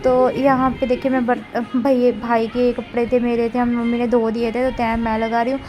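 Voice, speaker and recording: A woman's voice: on the high side, level tone, normal speed, muffled recording, soft background music. A woman vlogging casually at home about her day as a mother, talking in a rambling way with frequent tag questions. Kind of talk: casual chatty daily vlog.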